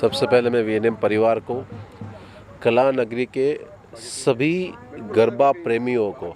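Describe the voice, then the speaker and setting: A man's voice: mid-range voice, steady tone, unhurried, a little mellow. A man with an Indian accent giving a formal congratulatory speech as a guest, repeating his phrases. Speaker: guest politician. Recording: outdoor event with crowd noise. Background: crowd at an outdoor event.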